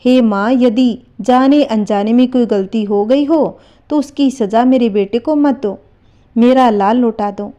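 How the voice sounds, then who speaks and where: A woman's voice: fairly high pitch, dark tone, lo-fi sound, natural voice. A woman voicing a devout elderly mother who pleads and wails over her lost son in a told folk tale. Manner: pleading, wailing lament. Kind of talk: storytelling narration.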